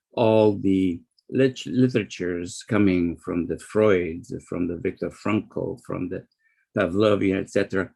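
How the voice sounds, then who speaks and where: A man's voice: on the low side, gravelly, a little mellow. An older man from Lebanon, a guest psychologist telling his story unhurriedly, with fillers and restarts. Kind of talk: interview storytelling.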